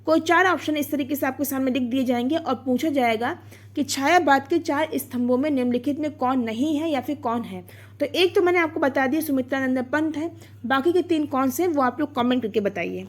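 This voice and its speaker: A woman's voice: high voice, fairly quick. A woman teaching an online exam-prep grammar lesson, explaining step by step, asking her own questions and answering them, sounding out vowels and syllables.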